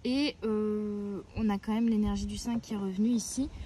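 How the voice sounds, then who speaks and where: Woman card reader, outdoors; gentle, halting delivery, audible noise and clicks on the track. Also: mid-range voice, fairly even intonation. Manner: hesitant, often searching for words. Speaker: tarot and oracle card reader. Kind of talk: weekly card-reading guidance. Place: outdoors, near a tree.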